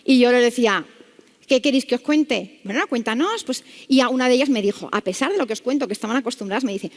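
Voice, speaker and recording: A palliative care doctor tells a clinical anecdote to an audience, acting out the voices of the people in it with lively storytelling. Her voice is a little high and quick, and a long hall reverb surrounds the recording.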